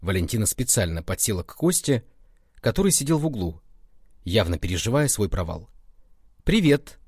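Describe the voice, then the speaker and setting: A man reading a story aloud in a measured, expressive narration. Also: fairly low pitch, husky, no room sound, clean studio sound.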